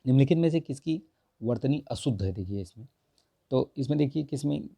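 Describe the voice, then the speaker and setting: A hoarse man works through exam answers in a Hindi grammar lesson, checking each option and dropping in "okay" after nearly every line. His voice is dark and gravelly from a sore throat. It is recorded close and dry, with no room sound. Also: mid-range voice, animated, fairly quick, no echo. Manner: repeats "theek hai" constantly, corrects answers with mild humor. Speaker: exam prep teacher.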